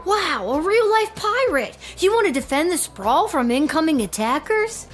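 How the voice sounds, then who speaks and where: A woman's voice: very high-pitched, big pitch swings, moderate pace, faint music behind. A woman voicing an earnest, eager twelve-year-old child gate guard in a video game. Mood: eager, impressed. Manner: earnest, enthusiastic. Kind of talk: video game character acting.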